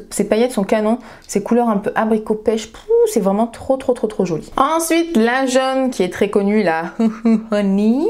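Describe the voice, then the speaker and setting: A woman's voice: mid-range voice, a little mellow. A young woman vlogging a makeup haul at home, gushing and enthusiastic, repeating words for emphasis. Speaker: beauty vlogger. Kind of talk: casual makeup haul vlog.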